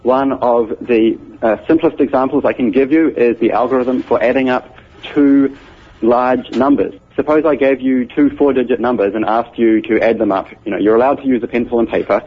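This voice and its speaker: In muffled radio broadcast audio, a guest computer scientist with a New Zealand accent methodically and patiently explains his ideas. His mid-range voice is husky with fairly even intonation, delivered at normal speed.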